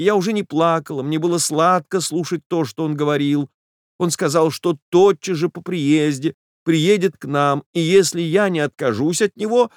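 A man's voice: on the high side, no echo, voice pushed up, close to an everyday voice. Man reading as a young woman, tearful, pleading, raised voice, dry sound. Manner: pleading, breaking into sobs.

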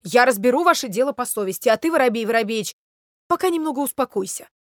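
A good-natured chimney sweep patiently settles a quarrel in a storybook, as a woman plays him. He talks calmly and reasonably. The voice sits a little high and the sound is dry. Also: quick pace, no room sound, close to an everyday voice. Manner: calm, reasonable, explaining patiently. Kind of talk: storybook reading.

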